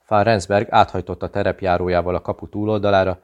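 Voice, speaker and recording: Deep-voiced man reading a thriller. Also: little pitch movement, lo-fi sound. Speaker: audiobook narrator. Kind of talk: audiobook narration of a thriller novel.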